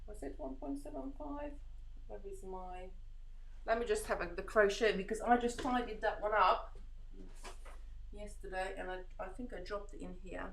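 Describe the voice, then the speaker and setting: The recording is low quality with a little hiss or hum, carrying a woman's medium-pitched voice at a moderate pace. She has a Hungarian accent and hosts a homey beading live chat, reading viewer comments and responding in a comforting, rambling manner with lots of fillers and restarts.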